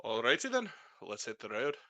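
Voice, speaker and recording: A man voicing a stern winged caravan leader who lays down the rules in a brisk, commanding way. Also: medium pitch, wildly swooping pitch, sharp tone, no room sound, exaggerated voice.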